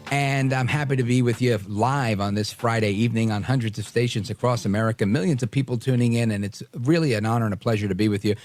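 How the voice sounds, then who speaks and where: A man hosts a late-night talk radio show, greeting listeners with energy, hyping the audience and leaning heavily on fillers. His voice is mid-range, with no room sound.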